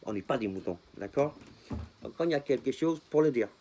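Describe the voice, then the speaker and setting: A man's voice: mid-range voice, animated, fairly quick, dark tone, a little hiss or hum. A man vlogging casually to his viewers in French with a non-native accent, speaking passionately, repeating himself and dropping English words in. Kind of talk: casual talk to camera.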